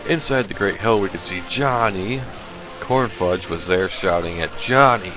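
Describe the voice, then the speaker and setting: A man doing a comedic read-aloud of a badly written story, deadpan and halting as he stumbles over the text. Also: low-pitched, music in the background. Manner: slow, halting, deadpan reading broken by laughter. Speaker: stream host reading a fan fiction aloud. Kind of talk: comedic dramatic reading.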